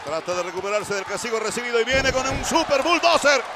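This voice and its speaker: A man calls a wrestling match in a very high, excited voice. He shouts short, staccato play-by-play lines as a commentator, with a huge crowd roaring noisily around him. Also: quick pace. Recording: loud arena crowd noise. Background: roaring arena crowd.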